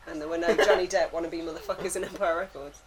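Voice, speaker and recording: A woman's voice: fairly low pitch, steady tone, fast talker. A woman co-hosting a casual film commentary, making wry quips and laughing often between them. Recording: noisy background hiss.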